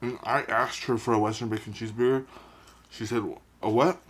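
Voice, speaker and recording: A man's voice: mid-range voice, steady tone, a little fast, slight background noise. A young man talking while chewing food, telling a rambling story in a laid-back, casual way to the camera. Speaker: mukbang vlogger.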